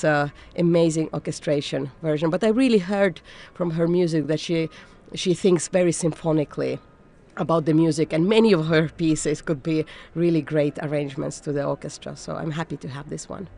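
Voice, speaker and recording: A woman conductor from Finland, answering interview questions thoughtfully and pausing often with fillers. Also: deep voice, creaky, darkish tone. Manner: thoughtful, searching for words with frequent fillers. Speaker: orchestra conductor.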